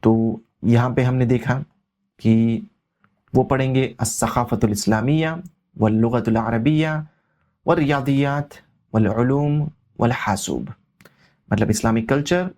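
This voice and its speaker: Man calmly glossing words one by one. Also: medium pitch, long pauses. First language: Urdu. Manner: translates word by word, repeating each meaning. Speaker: Arabic teacher. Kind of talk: explaining vocabulary line by line.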